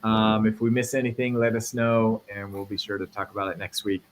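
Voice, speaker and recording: A man hosts a casual tech podcast in a relaxed, easygoing way. His voice sits on the low side. A faint noise runs under his speech. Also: brisk, rough recording. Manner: relaxed, reads sponsor spot. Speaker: podcast host.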